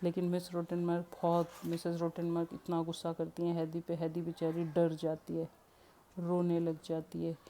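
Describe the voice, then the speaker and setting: Warm, low-voiced woman telling a story. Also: moderate pace, a little hiss or hum. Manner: expressive, mixing English words in. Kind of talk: storybook narration.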